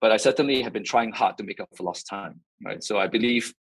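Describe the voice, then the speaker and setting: A man in his forties speaks in a husky, slightly low voice, telling his story as a company founder in an interview. He talks in a measured, steady way, dropping fillers and tagging his points with "right?". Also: low-quality recording. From Singapore. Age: 40s. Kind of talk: interview answers.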